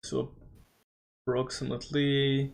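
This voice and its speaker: A man running a tabletop game, talking haltingly with many restarts and frequent laughs. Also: mid-range voice, level tone. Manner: halting, full of fillers and restarts, laughs often. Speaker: game master.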